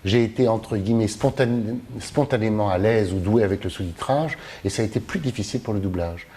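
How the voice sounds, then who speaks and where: A Mediterranean man who translates films and teaches answers interview questions thoughtfully and hesitantly, full of fillers and restarts. His voice sits on the low side with a dark tone, and he talks a little fast. Faint background noise runs under the recording.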